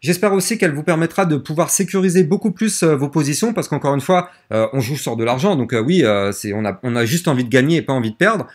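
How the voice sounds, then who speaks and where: A man's voice: fairly high pitch, animated, quick pace, few pauses, husky. A man hosting a casual screen-share tutorial who explains step by step in a chatty way and often stumbles and restarts mid-sentence. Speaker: crypto tutorial host.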